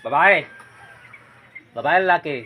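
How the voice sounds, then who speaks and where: A man's voice: fairly high pitch, lively intonation, unhurried, very noisy. A man working as a folk healer, firmly and insistently questioning a spirit during a healing ritual. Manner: commanding, insistent, repeatedly prodding with "ha?".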